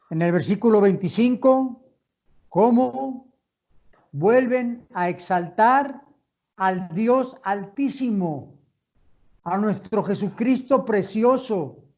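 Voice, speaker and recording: Slow high-voiced man teaching scripture. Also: darkish tone. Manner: measured, explains and rephrases verses as he reads. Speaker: Bible study teacher. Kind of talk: youth Bible study teaching. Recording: dull lo-fi recording.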